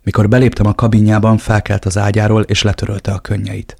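A man narrating a novel in the first person, in a brooding, measured way. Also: fairly low pitch, monotone, vocal fry, darkish tone, no echo, clean studio sound. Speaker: audiobook narrator.

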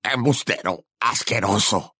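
A man voicing a cruel male Death Eater with a rough, gravelly, sneering voice in an audiobook. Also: rumbling low, measured pace, dry recording, clean studio sound, pitched below the performer's own voice, exaggerated voice. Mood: furious. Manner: sneering, threatening. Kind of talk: audiobook narration.

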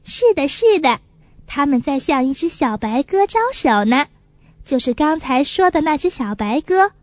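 A woman narrating a children's story in a clear, expressive storytelling manner. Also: sits high, moderate pace, no room sound.

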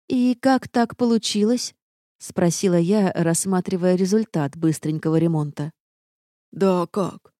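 A woman reading a first-person audiobook with lively, ironic storytelling. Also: on the low side, dry recording, studio quality. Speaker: audiobook narrator.

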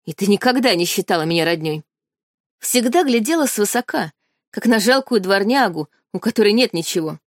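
A woman's voice: medium pitch, expressive, a little fast, no room sound, clean studio sound, lightly acted. A woman voicing an angry young nobleman who turns on his sister with spite and scorn, in a read-aloud story. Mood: bitter. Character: furious young nobleman, hateful, menacing brother.

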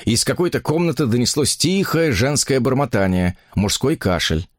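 Male audiobook narrator, lively expressive pitch, dry close studio sound, literary reading. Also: normal speed, dry recording.

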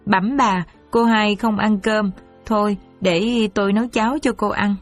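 A woman's voice: mid-range voice, fairly even intonation, measured pace, faint music behind, natural voice. A woman voicing a deferential female servant. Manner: deferential, polite. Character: humble female household servant.

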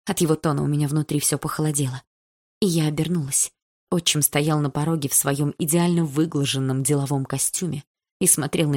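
A woman reading a first-person audiobook in a measured, subdued manner. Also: sits low, darkish tone, breathy edge. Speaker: audiobook narrator. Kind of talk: first-person scripted narration.

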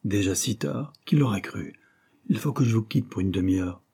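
A man's voice: lowish voice, moderate pace, gravelly, dark tone, husky. A man voicing an earnest, sensitive young male clerk, speaking in a raised, pressing way. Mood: light.

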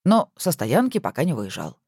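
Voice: mid-range voice, huge pitch swings, moderate pace, a little mellow, husky, no room sound, studio quality, full character voice. A reader voicing a good-natured husband who banters playfully with his wife, in a storybook reading.

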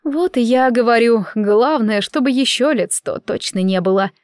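Woman reading a soft, gentle mother. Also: a little high, moderate pace, no room sound, clean studio sound, lightly acted.

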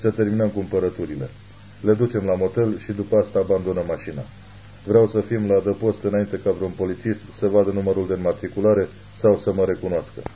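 A man's voice: deep voice, steady tone, dark tone, a little hiss or hum, lightly acted, poor audio. A man voicing a tense, hunted man fleeing with his family, terse and commanding.

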